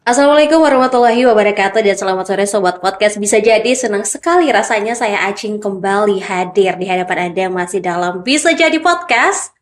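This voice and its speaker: A woman's voice: medium pitch, expressive, a little fast. A woman hosting a podcast interview, asking friendly, upbeat questions with frequent fillers. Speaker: podcast host.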